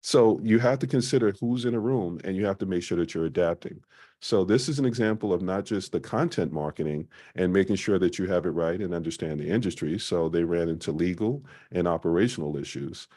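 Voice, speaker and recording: A man presenting a small-business marketing workshop in a conversational way, often pausing on "uh". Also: low voice, warm tone. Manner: conversational, frequent "uh" fillers.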